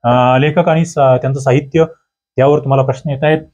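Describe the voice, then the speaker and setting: A man's voice: medium pitch, steady tone, fast talker, a little mellow, highs cut off. A man teaching an exam-prep grammar lesson, reading out test questions and options and explaining each answer, with sudden jumps in emphasis and many fillers. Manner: fillers like "bagha" and "a", and self-corrections.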